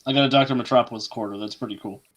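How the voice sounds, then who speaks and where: A man voicing a hooded skeletal ferryman of the dead in a tabletop game, brusque, quick and demanding. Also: medium pitch, fairly even intonation, lightly acted.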